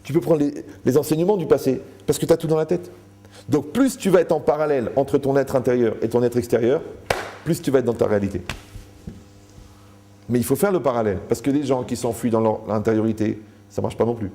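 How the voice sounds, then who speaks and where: A man's voice: mid-range voice, a little fast, warm tone. A man giving a Torah lecture to a live audience, joking, asking the room questions and acting out the people he quotes.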